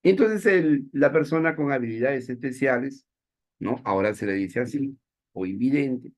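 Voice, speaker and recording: Playful teacher. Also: male voice, mid-range voice, moderate pace. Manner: playful, self-mocking, asks the class questions. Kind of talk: classroom lecture.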